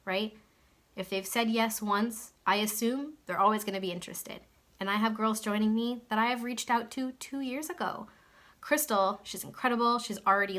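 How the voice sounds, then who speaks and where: A woman's voice: medium pitch, fairly bright tone. A young woman giving casual, reassuring advice to camera, chatty and full of fillers. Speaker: network marketing coach.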